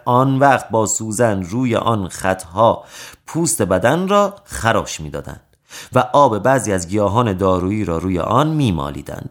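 A man reading a traditional story aloud, narrating in a clear, expressive way. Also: medium pitch. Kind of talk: reading a folk tale aloud.

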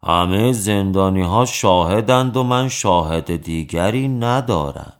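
A man voicing a lazy, shameless swindler in prison in a storybook tale, speaking low, slow and resigned. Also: lively intonation.

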